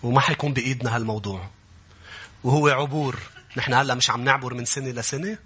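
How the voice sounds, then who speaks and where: A man preaching a sermon, building to impassioned, shouting passages as he retells scripture. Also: mid-range voice, quick pace, husky.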